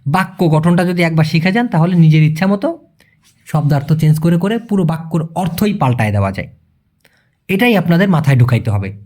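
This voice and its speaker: A man teaching a language lesson in a casual, colloquial way, calling the listener brother and slowing right down to spell out each phrase. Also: on the high side, expressive, darkish tone. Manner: explains step by step, slows down sharply to spell out phrases.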